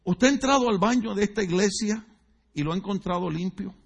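A man's voice: high-pitched, a little fast, gravelly, husky. A male pastor preaching a sermon in a church, joking and teasing the congregation and asking them questions. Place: church sanctuary.

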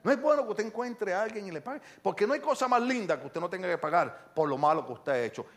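High-voiced, animated pastor preaching. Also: male voice, fast talker. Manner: animated preaching with acted quotes, swings between loud and hushed. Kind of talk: sermon.

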